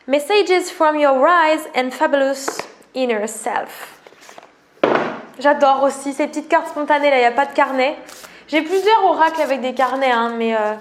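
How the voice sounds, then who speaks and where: High-voiced, enthusiastic French woman. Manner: enthusiastic and gushing, laughs often. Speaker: wellness coach presenting oracle cards. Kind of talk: casual chat to camera.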